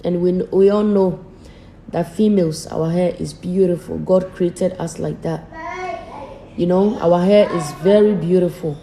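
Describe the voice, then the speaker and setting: Woman, emotional personal vlog, repetitive storytelling, soft warm tone, faint background noise. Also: lowish voice, fairly even intonation, rough recording. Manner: slow, repetitive storytelling with simple phrasing; emotional, soft-spoken confiding. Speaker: vlogger.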